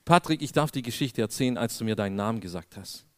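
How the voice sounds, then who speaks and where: A young man preaching in a church, telling personal stories in a lively, animated way, acting out the dialogue and speaking straight to the congregation. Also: fairly low pitch, fast, no echo, studio quality. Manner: animated storytelling, acts out dialogue, addresses congregation directly. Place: church hall.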